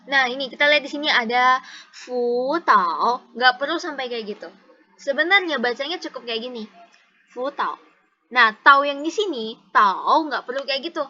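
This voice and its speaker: A woman's voice: high-pitched, quick pace, sharp tone, dull audio. A woman teaching a casual one-on-one language lesson over a video call, explaining patiently step by step and repeating examples. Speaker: Mandarin tutor.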